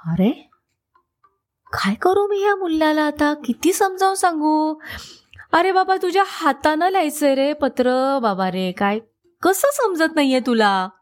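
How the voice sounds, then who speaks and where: A woman's voice: expressive, a little slow. A woman voicing a stubborn, illiterate man who keeps pleading and grows exasperated. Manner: pleading, exasperated, raised pitch.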